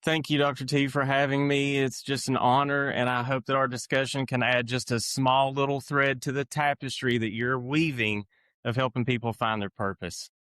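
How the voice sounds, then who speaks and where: A man's voice: mid-range voice, level tone, normal speed, a bit bright, clear, resonant tone, no echo. A middle-aged man with an Appalachian accent, telling his own story reflectively as a podcast guest. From eastern Kentucky, United States. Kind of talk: reflective personal storytelling in an interview.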